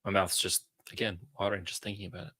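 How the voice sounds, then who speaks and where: A man's voice: low voice, level tone, fast, bright, forceful tone, breathy edge, dry recording. A young man, co-hosting a podcast and trading dry, teasing quips. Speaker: podcast co-host. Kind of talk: casual chat.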